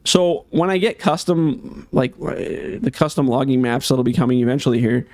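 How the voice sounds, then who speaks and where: Man, casual gameplay commentary, chatty, slightly hoarse, dry close sound. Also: mid-range voice, moderate pace, a little mellow, no room sound. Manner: chatty, thinking aloud, many fillers. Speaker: game modder.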